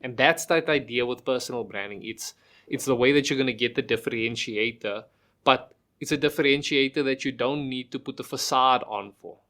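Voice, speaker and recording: A middle-aged man from South Africa speaks as a podcast guest in a mid-range, slightly bright voice at a somewhat quick pace. He keeps it casual, explaining through everyday examples while restarting phrases and asking rhetorical questions.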